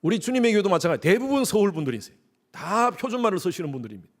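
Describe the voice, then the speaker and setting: A middle-aged man preaching a sermon in a Gyeongsang accent, emphatic and rising to loud exhortation. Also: high-pitched, very animated, rapid-fire. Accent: Gyeongsang Korean. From Gyeongsang, South Korea. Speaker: pastor.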